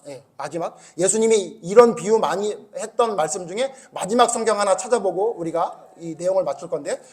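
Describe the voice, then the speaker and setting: Guy pastor w a pretty high voice preaching, keeps throwing questions at the congregation. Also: mellow. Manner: acts out the people in the parables. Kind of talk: sermon.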